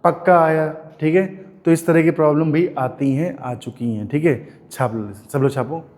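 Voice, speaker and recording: A man's voice: fairly high pitch, steady tone, normal speed, a little mellow, big-room sound. A male physics teacher giving a classroom lecture, firing questions at students and teasing them playfully. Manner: calls out questions and makes the class answer in chorus. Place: classroom at a coaching institute.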